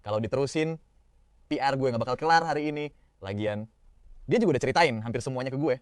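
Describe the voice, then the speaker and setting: A young man tells a comic story in first person, slangy and expressive, as if thinking out loud. His voice is mid-pitched and recorded dry and close, with no room sound. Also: quick pace, clean tone, no room sound. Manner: slangy Jakarta-style casual talk, expressive inner monologue. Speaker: manhwa recap narrator.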